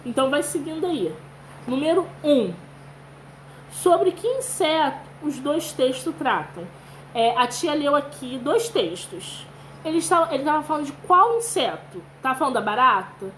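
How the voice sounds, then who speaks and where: A woman with a Brazilian Portuguese accent teaches young children, reading aloud and patiently sounding out syllables. Her voice sits high, expressive and a bit bright, at a moderate pace. The rough recording carries a little hiss or hum.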